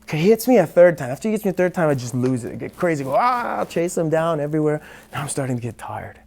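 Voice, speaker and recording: A man's voice: a little high, racing. Man in his thirties telling a story. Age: 30s. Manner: lively, builds up the tension of the story. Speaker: interview guest, martial arts teacher. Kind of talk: animated storytelling.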